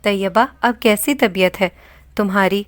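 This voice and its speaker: A woman's voice: mid-range voice, no room sound, lightly acted. A worried husband pleads with his wife, his words tumbling out in alarm, read out by a woman. The storybook reading is dry and close. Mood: baffled. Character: bewildered husband, a worried young-to-middle-aged man.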